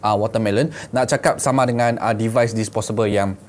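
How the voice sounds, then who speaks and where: A man's voice: fairly low pitch, fairly even intonation, fairly quick, a little hiss or hum. Malaysian man doing a casual product review. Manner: colloquial, repeats phrases, talks to viewers as 'guys' and 'gang'. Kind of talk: casual unboxing and review vlog. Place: small indoor room set up as a gaming studio.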